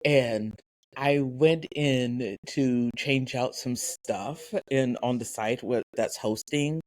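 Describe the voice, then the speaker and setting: A woman co-hosting a podcast, telling rambling, animated stories in casual chat. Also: very deep voice, slow pace, no room sound, low-quality recording. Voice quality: animated, rambling storytelling with voiced asides. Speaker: podcast co-host.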